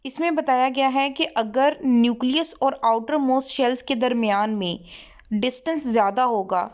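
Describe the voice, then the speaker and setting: A woman tutoring chemistry, who reads each textbook line slowly in English and then explains it in Hindi-Urdu. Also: sits high. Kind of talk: textbook lesson reading and explaining.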